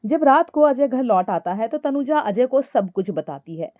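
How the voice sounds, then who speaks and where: A woman storyteller narrating a scripted moral story in a calm way, addressing listeners as friends. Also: fairly high pitch, normal speed, dry recording.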